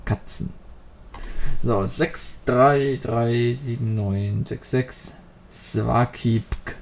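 A man's voice: mid-range voice, very slow, vocal fry, slight background noise. A man hosting a Let's Play, commenting on the game with jokey, rambling free association. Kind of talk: joking gameplay commentary.

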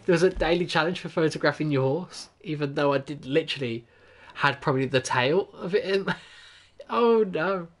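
A man's voice: on the high side, a bit bright. A young adult man giving casual, rambling gameplay commentary as a streamer, chatty and self-amused.

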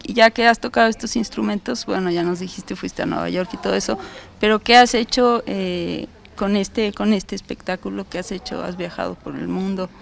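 A Mexican interviewer with a gravelly, creaky voice at a middle pitch. The questions come in a chatty way, broken up by fillers and hesitations. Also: fairly even intonation, normal speed. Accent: Mexican Spanish.

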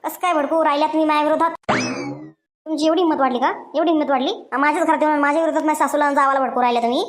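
A woman's voice: high voice, noisy background, close to an everyday voice. A woman voicing a scheming, quarrelsome young village daughter-in-law in a cartoon story. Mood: angry scolding. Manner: quarrelsome, rapid, indignant. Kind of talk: cartoon voice acting.

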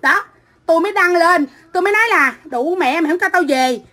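Foul-mouthed woman ranting, high bright voice. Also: expressive, fairly quick. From Vietnam. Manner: profane, combative, shouting insults. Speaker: livestreamer. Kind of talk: angry livestream rant.

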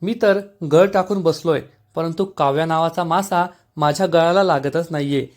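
An earnest, puzzled young husband, read by a man who asks his questions directly. The voice sits a little high. It is a plain read, not a strongly acted one. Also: normal speed, a little mellow, close to an everyday voice.

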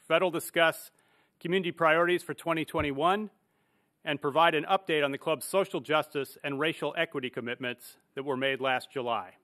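A middle-aged man opening a news conference at a podium mic, making measured, procedural announcements as moderator. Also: fairly high pitch, steady tone, pushed and bright. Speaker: club communications executive, moderator. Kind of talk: formal press-conference opening. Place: press room at a podium.

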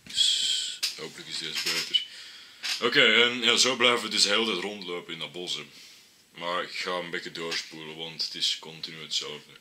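A man's voice: low voice, moderate pace, a little hiss or hum. A young man with a Flemish accent, chatting casually and with amusement as he reacts to his own old video. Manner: chatty, amused, relaxed storytelling.

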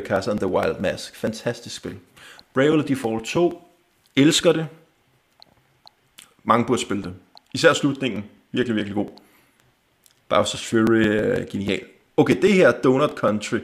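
Gravelly young Danish-speaking man. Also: medium pitch. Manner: quick offhand verdicts with frequent chuckles. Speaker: gaming channel host. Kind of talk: casual livestream chat.

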